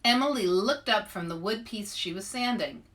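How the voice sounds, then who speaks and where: A woman author hosts a children's read-aloud, talking to young listeners directly and with animation. She has a medium-pitched voice and speaks at normal speed.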